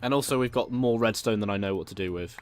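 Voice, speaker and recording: A young man rambling casually as he plays and comments on a game. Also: fast. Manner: rambling storyteller, voices quotes high and loud. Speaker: gaming channel host.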